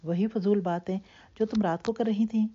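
Woman reading as a stern, sharp-voiced mother. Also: lowish voice, fairly even intonation, slight background noise, close to an everyday voice. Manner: sharp, then somewhat softer. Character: stern middle-aged mother. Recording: dull lo-fi audiobook recording.

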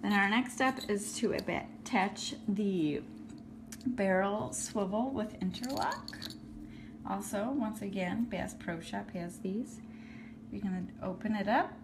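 A woman's voice: medium pitch, slow pace, noisy background. A woman hosting a casual step-by-step craft tutorial, talking in a friendly, practical way while she works with her hands at an indoor table. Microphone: phone camera filming hands from above.

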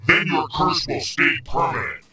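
An impersonal game system voiced by a man delivers ominous announcements in a storytime. The voice is on the high side for a male, drenched in echo and distant, with clear noise. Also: normal speed, sharp tone, soft background music. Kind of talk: scripted announcements. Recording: very echoey, distant, noisy with clicks.

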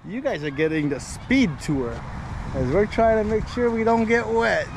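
This middle-aged family vlogger speaks at normal speed in a high-pitched voice as he walks through an outdoor zoo, camera at arm's length. He keeps up a chatty, upbeat narration over a loud crowd and outdoor noise.

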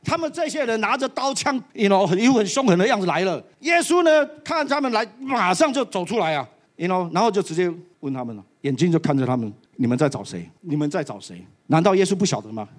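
A church elder preaching a sermon to a live audience, animated and slipping English phrases into his talk. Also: high voice, fast, few pauses.

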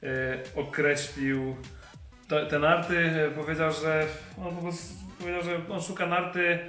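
A young man reviewing skis in a shop, explaining in a measured way and pausing to find his words. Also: fairly high pitch, level tone, sharp tone. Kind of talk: product review. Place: ski shop, indoors. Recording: echoey shop with faint music.

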